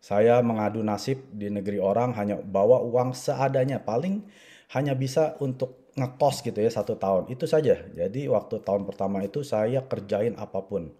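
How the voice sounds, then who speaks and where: A man's voice: fairly low pitch, normal speed, mellow. A man in his forties from Indonesia, telling his life story to an audience in a chatty way, often tagging sentences with little fillers. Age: 40s. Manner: conversational, frequent filler "ya" and "gitu". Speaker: network marketing speaker. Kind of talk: personal story talk to an audience.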